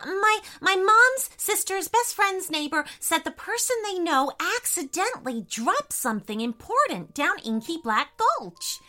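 A woman voicing an excitable, chattering young female squid in a children's story, gushing and breathless. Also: extremely high pitch, a little slow, few pauses, voice pushed up, full character voice. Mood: excited.

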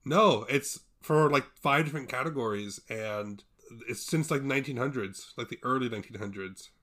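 In casual podcast chat, this twenty-something co-host jokes around, giving things mock titles with playful pomp. He speaks at a moderate pace in a mid-range, fairly bright voice.

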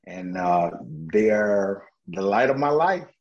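A man talking as a guest in a casual interview, an energetic storyteller who laughs often and restarts his sentences. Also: lowish voice, slow. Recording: dull lo-fi audio.

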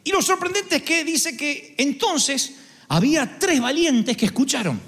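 A man preaching a sermon as pastor, an expressive storyteller who acts out the dialogue. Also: very high-pitched, unhurried. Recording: long hall reverb.

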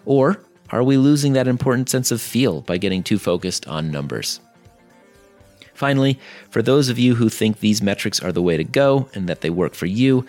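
A man with a deep, gravelly voice hosting a podcast and reading a scripted introduction. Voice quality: deep, gravelly voice from being ill. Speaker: podcast host. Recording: music behind the voice.

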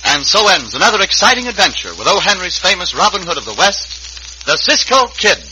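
A man's voice: high-pitched, sing-song, a little fast. A man announcing an old radio serial in a dramatic, formal scripted style. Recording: noisy vintage radio recording with organ music.

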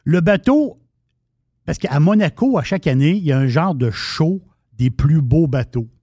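A man's voice: a little high, expressive, moderate pace, dark tone, no echo, clean studio sound. A man with a Québécois French accent, co-hosting a radio show and telling a story in casual banter with many restarts.

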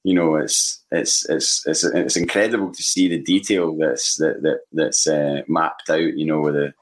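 A Scottish man in his forties talking casually about football in a halting, repetitive way as a podcast panellist. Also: rumbling low, fairly even intonation. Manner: halting, repeats words.

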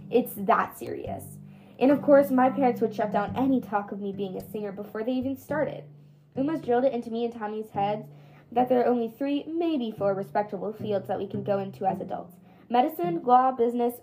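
A woman's voice: fairly high pitch, dark tone, low-quality recording. A woman casually reading a novel aloud, sometimes stumbling and restarting over words. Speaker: reader.

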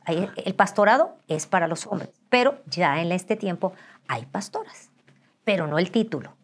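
Lively joking Mexican woman, older. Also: fairly low pitch, moderate pace. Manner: animated and joking, acts out voices. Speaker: interview guest, pastor's wife. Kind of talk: candid storytelling interview.

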